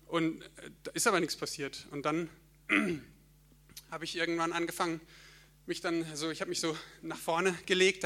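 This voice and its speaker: A young man giving a personal testimony in church, an expressive storyteller who laughs at himself and breaks into bits of hymn singing. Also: high-pitched. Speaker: church speaker sharing a testimony.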